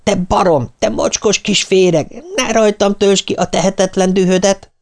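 A man voicing a shrill, furious young woman. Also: expressive, darkish tone, natural voice. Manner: shrill, accusing outbursts. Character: distraught young woman held captive, bitter.

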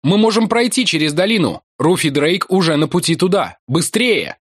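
A man shouting as an alarmed male explorer. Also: high-pitched, lively intonation, moderate pace, breathy edge, no echo, clean studio sound, pitched above the performer's own voice. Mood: urgent. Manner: urgent shouting.

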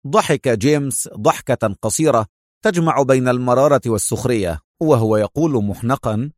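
Male audiobook narrator, mid-pitched, vivid; dry audio. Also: normal speed, no echo. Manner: vivid storytelling.

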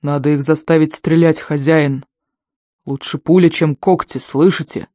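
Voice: mid-range voice, steady tone, normal speed, mellow, dry recording, natural voice. An audiobook reader voicing a sardonic, loyal male servant who banters with dry mockery. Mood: urgent. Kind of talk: audiobook character voice.

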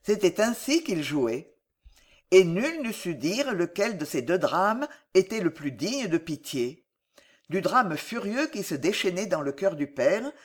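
A woman narrating a classic novel as an audiobook, in a measured and dramatic manner. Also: on the low side, slightly rough. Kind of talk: expressive literary narration.

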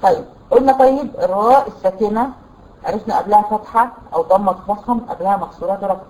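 A woman with an Egyptian Arabic accent teaching a tajweed lesson, explaining rules patiently, quizzing her students and reciting examples slowly. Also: mid-range voice, mellow, rough recording. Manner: quizzes students with rhetorical questions.

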